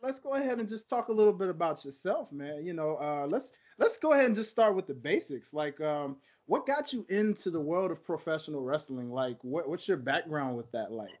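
A man's voice: a little high, expressive, fairly quick, hardly any pauses, highs cut off. A man hosting a podcast in casual, slangy interview chat, chummy and repeating words for emphasis. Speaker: podcast host.

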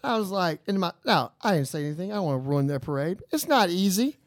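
A man's voice: sits high, animated, quick pace, no room sound, clean studio sound. A man co-hosting a podcast in casual banter, rambling through stories and acting out the voices of the people in them. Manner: rambling storyteller, acts out quoted voices. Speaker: podcast co-host.

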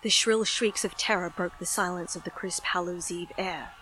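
A woman's voice: fairly low pitch, steady tone, normal speed, sharp tone, a little hiss or hum, poor audio. A woman narrating a scripted horror story in a dramatic storytelling style.

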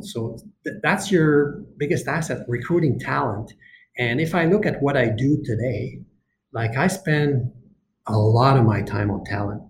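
A man's voice: medium pitch, a little mellow, a little hiss or hum. A man in his fifties, a company executive being interviewed on a podcast, speaking earnestly and passionately, often restarting his sentences.

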